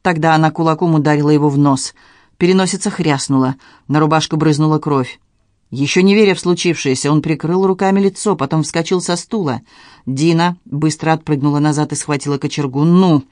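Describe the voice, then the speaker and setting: Male audiobook narrator, measured and even, slightly high pitch, dry close studio sound. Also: no room sound. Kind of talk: scripted narration.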